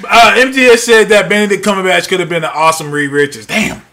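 A man in his forties co-hosting a podcast, talking in a casual, profane and animated way and repeating phrases for emphasis. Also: sits high, quick pace. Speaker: podcast co-host. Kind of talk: casual chat.

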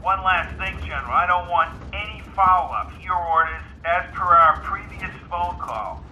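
A man's voice: high voice, animated, normal speed, far from the mic, voice pushed up. A man voicing a stern US president who gives clipped orders over a phone line. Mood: commanding. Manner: clipped and commanding. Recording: dull lo-fi phone sound with hiss.

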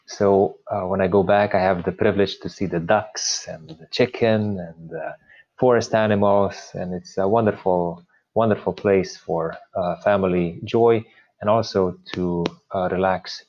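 Man, Slovenian accent, priest guest, low voice, dull lo-fi audio, hesitant. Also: fairly even intonation, darkish tone. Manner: hesitant, many filler pauses. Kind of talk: interview conversation.

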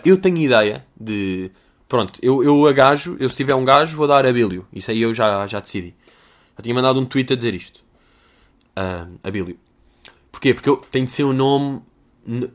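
A young man with a European Portuguese accent, answering listener questions in a rambling, crude, jokey comedic monologue. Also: medium pitch.

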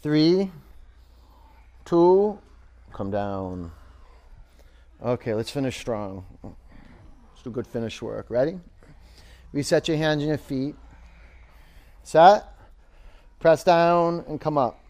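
A man's voice: on the high side, expressive, slow, pauses often, darkish tone. A man working as a yoga instructor, calling out rep counts and short commands as he leads a vinyasa class.

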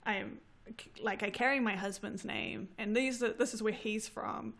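A graduate student in her thirties with a New Zealand accent chats casually, telling stories animatedly and laughing often. Her mid-range voice has vocal fry and moves at a normal speed.

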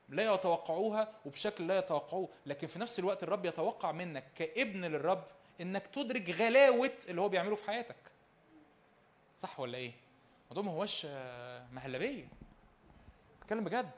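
High-voiced, fast Egyptian preacher. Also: male voice. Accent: Egyptian Arabic. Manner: emphatic, repeating phrases, rhetorical questions, swinging between loud and hushed. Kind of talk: sermon.

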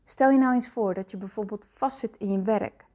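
A woman's voice: mid-range voice, moderate pace, a little mellow. Earnest woman coaching self-love. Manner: direct, earnest, addresses listener as you. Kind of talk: motivational talk to listener.

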